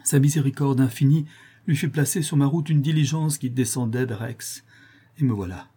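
A man's voice: medium pitch, normal speed, dark tone, husky, voice pushed up, natural voice. A man reading aloud and voicing a distraught young nun, broken and ashamed, with anguished, pleading speech.

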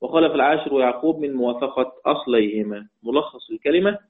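A man with an Egyptian Arabic accent teaching the Quranic readings, repeating each point slowly and chanting verses in a drawn-out way. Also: mid-range voice. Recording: tinny phone-like audio.

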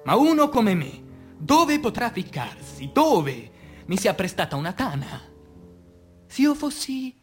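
A man gives a dramatic, declamatory and intense poetry recitation, using dramatic pauses and swinging between hushed and forceful delivery. His voice sits high, and it plays over a music bed.

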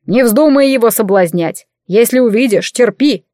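A woman's voice: on the high side, lively intonation, normal speed, mellow, no echo, close to an everyday voice. A meddling little male familiar, a walking cabinet, as a woman reader puts him on. He nags and teases in a slightly raised, fussing voice. The sound is dry and close, as in an audiobook. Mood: nagging. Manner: nagging, cheeky, fussing.

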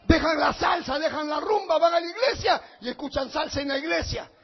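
High, gravelly shouting preacher man. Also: a little fast, muffled recording, some chatter behind. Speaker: pastor. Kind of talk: fiery Pentecostal sermon.

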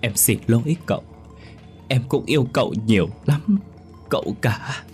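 A man's voice: medium pitch, animated, moderate pace, darkish tone, soft background music, pitched above the performer's own voice, lightly acted. A man voicing a young female ghost who apologizes through sobs, her voice echoing and remorseful.

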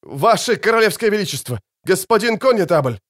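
An urgent young messenger, as a male narrator plays him, rattling off grim news in a raised voice. The pitch is lifted and the delivery hurried. A storybook herald fresh from the battle. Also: sing-song, a bit bright. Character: breathless young male messenger reporting losses.

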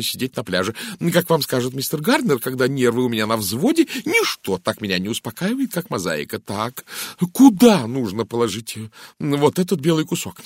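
A man voicing a nervous, chatty middle-aged American woman in an audiobook, raising his voice high and gushing. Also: husky, no echo, studio quality, heavily acted.

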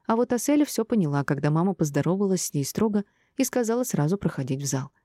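Low, mellow woman reading an audiobook. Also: big pitch swings, fast, dry recording, studio quality. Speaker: audiobook reader. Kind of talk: scripted narration.

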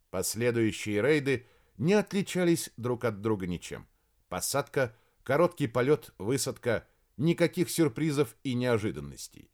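Lively male audiobook narrator. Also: mid-range voice. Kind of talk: scripted narration.

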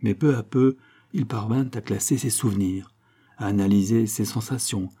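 A man reads a novel aloud as audiobook narration, in a measured storytelling manner. His voice is low and dark, with a husky edge.

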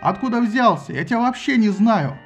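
A man voicing a furious, hot-headed male warrior who shouts in rage in an audiobook. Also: high-pitched, lively intonation, fairly quick, breathy edge, soft background music, voice pushed up, exaggerated voice. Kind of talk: audiobook character voice.

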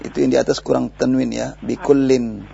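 A man's voice: medium pitch, moderate pace, creaky, darkish tone. A man with an Indonesian accent teaching Arabic grammar in a recorded lesson, patiently explaining and quizzing his student step by step. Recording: dull lo-fi radio broadcast with faint hiss.

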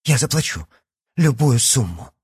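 A man's voice: medium pitch, sing-song, unhurried, darkish tone, slightly rough, no room sound, studio quality, full character voice. A male narrator voicing a frightened, vain teenage girl who pleads desperately in an audiobook. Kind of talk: audiobook character voice.

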